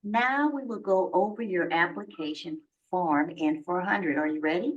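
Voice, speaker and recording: The clip captures, from a distance, a video in which an actress portrays a formal immigration officer. Her voice is on the low side and close to an everyday voice as she conducts the interview in a measured, procedural fashion. The sound quality is lo-fi.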